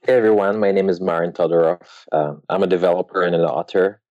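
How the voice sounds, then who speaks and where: A man guest on a podcast, talking casually and hesitantly with many pauses. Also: deep voice, steady tone, dry recording, lo-fi sound. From Europe. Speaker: guest author.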